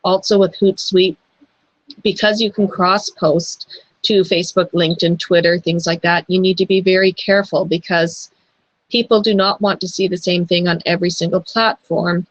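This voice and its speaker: A woman's voice: fairly low pitch, fairly even intonation, normal speed, no room sound. A woman co-hosting a casual online chat, giving earnest advice and repeating her warnings, heard over a video call. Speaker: co-host. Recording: dull lo-fi online call audio.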